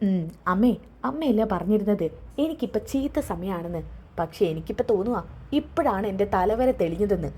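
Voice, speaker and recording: A woman's voice: mid-range voice, expressive, brisk, warm tone, slightly rough. A woman voicing a smug, spiteful young man who schemes with his mother. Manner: smug, sarcastic.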